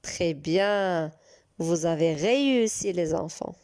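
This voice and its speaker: Slow, encouraging preschool teacher woman. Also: lowish voice, animated, a little mellow. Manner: slow, drawn-out and encouraging, praising often. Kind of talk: recorded reading lesson for young children.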